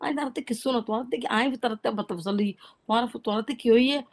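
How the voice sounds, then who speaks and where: Woman, native Rohingya speaker, interviewee, quick speech, slightly raised pitch, informal storytelling with repeated words. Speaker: interviewee recounting an eyewitness experience. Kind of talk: conversational spoken account.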